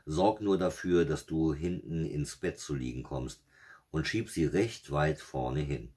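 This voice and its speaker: A man voicing a cruel old witch from a fairy tale, speaking in a menacing, commanding way with a husky voice. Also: very deep voice, measured pace, dark tone, heavily acted. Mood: scheming.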